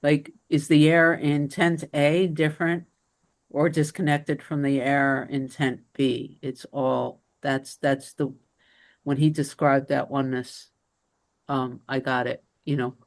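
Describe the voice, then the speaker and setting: A woman's voice: extremely low pitch, flat delivery, takes it slowly. A woman taking part in a spiritual discussion group over a video call, earnest and thoughtful, searching for her words. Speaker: group participant.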